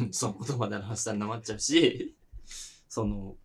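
A man casually chatting as a podcast co-host, telling rambling stories and laughing often, saying he feels low-energy today. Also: moderate pace, darkish tone, husky. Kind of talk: casual chat.

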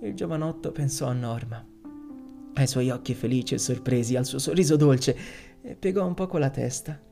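Gravelly male audiobook narrator. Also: mid-range voice, faint music behind. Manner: measured, expressive narration. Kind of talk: audiobook reading of a short story.

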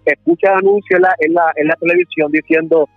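Puerto Rican male caller in his 30s, higher voice, muffled dry phone line. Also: wildly swooping pitch, quick pace, creaky, no room sound, soft background music. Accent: Puerto Rican Spanish. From Puerto Rico. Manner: friendly storytelling, laughs often. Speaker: phone-in guest preacher. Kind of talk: phone interview testimony.

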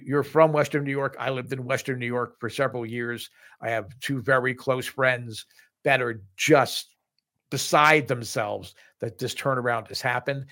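A man's voice: medium pitch, fairly bright tone. A middle-aged man co-hosting a college sports podcast, talking casually and with enthusiasm, often restarting his sentences. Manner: enthusiastic, repeats words and restarts. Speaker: podcast co-host.

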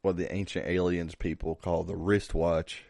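Deep-voiced laid-back young man. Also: little pitch movement, normal speed, vocal fry, a little mellow, a little hiss or hum. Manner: laid-back, crude joking. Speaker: podcast co-host. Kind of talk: casual chat.

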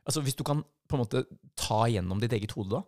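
A man's voice: mid-range voice, lively intonation, darkish tone, no echo. Man telling a vivid story, dry sound. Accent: Norwegian. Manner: vivid, acts out quoted voices in his story. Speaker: podcast co-host. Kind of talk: casual podcast storytelling.

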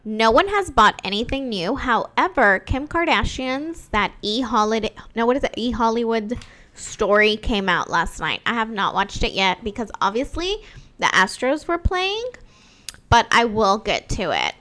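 Bright, chatty woman co-host. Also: fairly high pitch, very animated, normal speed. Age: adult mother. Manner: bubbly, chatty, emphatic. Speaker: co-host of a real estate news show. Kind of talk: casual chat.

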